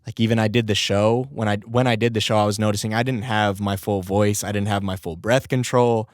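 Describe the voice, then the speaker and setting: In a studio-quality, dry recording, a young man with a lowish voice and fairly even intonation talks fairly quickly on his own podcast. A rapper as well, he rambles casually, swears, and laughs at himself, though his recovering voice is still slightly strained.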